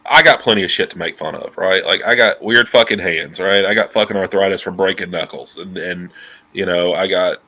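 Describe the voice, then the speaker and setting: A little fast and low-pitched, this nasal-voiced man in his thirties is a guest chatting over earbuds on a video call. The interview talk is casual and profane, and he's lively, gesturing a lot with his hands. He's indoors at home in a dim room.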